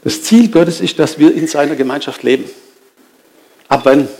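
A man preaching with a slightly high voice. He talks with lively emphasis, stops and restarts his sentences, poses questions and then answers them himself. He speaks straight to the people in front of him. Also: moderate pace, gravelly. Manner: addresses listeners directly. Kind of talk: sermon.

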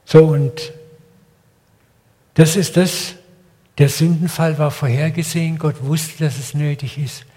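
An older man delivering a sermon in plain, blunt everyday speech, putting rhetorical questions to his congregation. His voice sits a little high for a man. The recording carries a long reverb tail, as from a large hall. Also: fairly even intonation, takes it slowly, pauses often, mellow. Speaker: preacher.

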